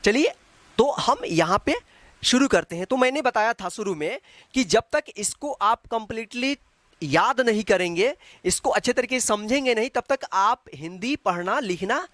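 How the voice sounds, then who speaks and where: A woman teaching a Hindi alphabet lesson. She explains patiently, repeats herself and checks in often, then chants syllables loudly and slowly. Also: fairly high pitch, lively intonation, no room sound. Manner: patient, repetitive, checks with frequent "ठीक है".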